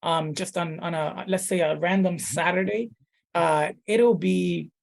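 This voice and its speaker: A man's voice: high voice, fairly even intonation, unhurried, gravelly. A man in his thirties from the Dominican Republic, a pastor talking casually in an interview, thoughtful, with many fillers and restarts. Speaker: pastor, guest.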